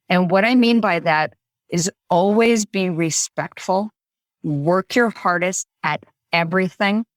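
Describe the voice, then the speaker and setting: A woman's voice: fairly low pitch, dry recording. A woman who works as an FBI applicant coordinator and recruiter, earnestly answering listener questions on a podcast. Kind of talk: podcast Q&A advice.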